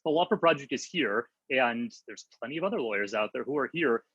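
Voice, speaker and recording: A man's voice: medium pitch, lively intonation, fairly quick, fairly bright tone, slightly rough, dry recording. A man speaking as a lawyer on a panel discussion, earnest and advocating, over a video call. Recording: dull, dry lo-fi audio.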